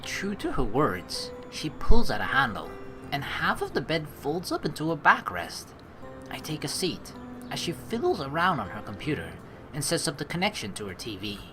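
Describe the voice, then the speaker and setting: A young woman streaming a let's play reads a visual novel aloud over music, her low voice swooping wildly in pitch at a moderate pace. Between lines she drops playful, giggly, chatty commentary.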